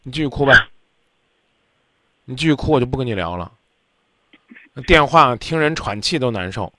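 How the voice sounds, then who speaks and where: A man's voice: medium pitch, animated, normal speed, fairly bright tone, no echo, studio quality. A man hosting a radio call-in advice show, blunt and lecturing as he scolds the caller. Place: radio studio.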